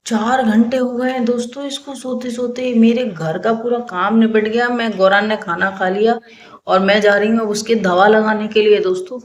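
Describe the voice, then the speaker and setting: A woman's voice: a little high, steady tone, normal speed, low-quality recording. A woman, a mother, talking casually to her viewers from her home and calling them friends. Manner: chatty, keeps addressing viewers as friends. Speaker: vlogger, mother.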